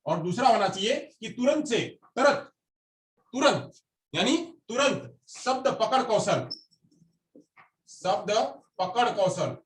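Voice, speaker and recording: Man, teacher, classroom lecture, repeats phrases, quizzes the class, high voice, roomy distant recording. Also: expressive, slow pace, pauses often.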